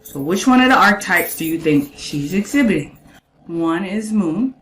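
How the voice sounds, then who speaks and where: A woman's voice: on the low side, lively intonation, normal speed, roomy sound, slight background noise, low-quality recording. A woman giving casual commentary on a clip, chatty, quizzing the viewer and listing traits.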